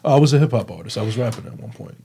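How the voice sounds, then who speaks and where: A man, talking casually as a guest in an interview, relaxed and thoughtful, with frequent fillers. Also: mid-range voice, rapid-fire, vocal fry, slightly rough. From New Jersey.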